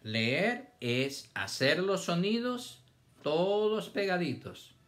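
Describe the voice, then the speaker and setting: A primary school teacher leads a children's reading lesson, patiently stretching words out syllable by syllable. His voice sits high and is sing-song, slow, and a bit bright, recorded on a camera mounted on a stand.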